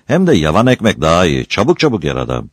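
A man's voice: low voice, huge pitch swings, quick pace, no room sound, clean studio sound, full character voice. A man voicing a poor, orphaned village youth who gives short, reluctant answers. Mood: musing. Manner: curt, reluctant one-word answers.

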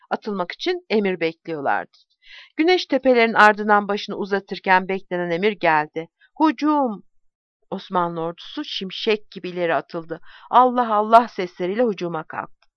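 A woman reading a historical story aloud in an expressive, dramatic way. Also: medium pitch, no echo, dull audio.

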